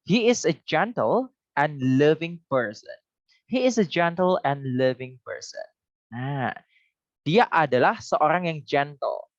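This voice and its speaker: A woman's voice: low-pitched, animated, takes it slowly, dry recording, highs cut off. A woman with an Indonesian accent teaching an online English lesson, patient and encouraging, switching between Indonesian and English. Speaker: English coach.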